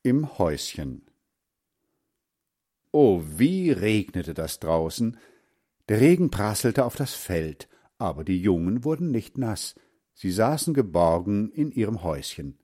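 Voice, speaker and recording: Brief: male storybook narrator, low, warm, unhurried, lively intonation. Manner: slow, expressive reading. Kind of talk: storybook reading.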